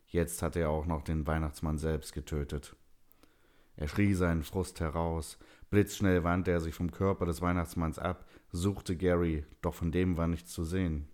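A man narrating a dramatic Christmas story as an audiobook, steady and storytelling. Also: low-pitched.

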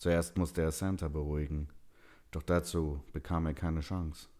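A man narrating a dramatic Christmas story as an audiobook, steady and storytelling. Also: very deep voice, normal speed.

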